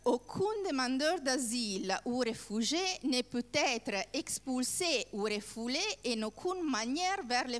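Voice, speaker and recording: Slow-speaking woman trainer in an echoey hall. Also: fairly high pitch, a bit bright. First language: not French. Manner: halting, searching for words in non-native French. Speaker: workshop trainer. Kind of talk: informal workshop presentation with questions to participants. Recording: echoey hall with long reverb.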